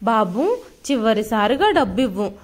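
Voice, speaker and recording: A woman's voice: fairly high pitch, very animated, measured pace. Brief: tearful old village dad, begging and humble, woman narrator doing him. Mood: pleading. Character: pleading elderly village father.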